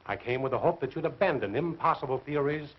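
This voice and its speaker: An actor playing a stern, skeptical professor in an old horror film, with formal, measured, disapproving speech. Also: male voice, a little high, lively intonation, slight background noise, close to an everyday voice. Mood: stern, indignant. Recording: muffled old film soundtrack.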